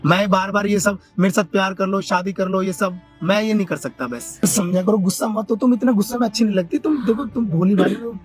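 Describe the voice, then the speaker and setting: एक आदमी द्वारा निभाया घबराया, गिड़गिड़ाता पति. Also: male voice, sits high, brisk, few pauses, faint music behind, natural voice. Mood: pleading. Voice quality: pleading, flustered. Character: harried young husband refusing his wife's sister, pleading. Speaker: vlogger acting in a skit. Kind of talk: scripted family drama skit.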